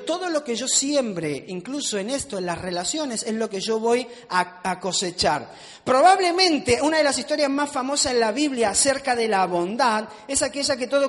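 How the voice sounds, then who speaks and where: A male preacher giving a conversational sermon with self-mocking humor, asking the audience questions. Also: very high-pitched. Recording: long hall reverb.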